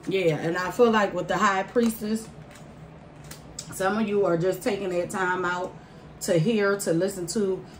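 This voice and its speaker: A woman giving a casual tarot card reading to viewers, pausing mid-phrase and repeating phrases for emphasis. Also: mid-range voice, steady tone. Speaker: tarot reader. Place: indoor room at a table by a window. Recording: roomy, distant mic, faint background noise.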